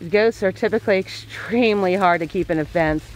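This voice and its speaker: A woman's voice: medium pitch, brisk, a little hiss or hum, rough recording. A woman homesteader giving a casual voice-over, plain-spoken and folksy with homey farm phrasing.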